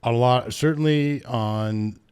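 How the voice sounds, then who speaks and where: A man's voice: medium pitch, takes it slowly, a little mellow, clear, resonant tone. A man co-hosting a casual podcast, talking in a rambling way, often correcting himself and laughing at his own stories. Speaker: podcast co-host, bike shop staff. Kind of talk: casual chat.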